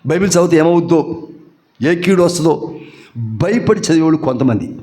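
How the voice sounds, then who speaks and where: A man preaching a sermon as pastor. He asks the congregation questions and answers them with homely examples, and rises to loud, emphatic peaks. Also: fairly high pitch, lively intonation, normal speed.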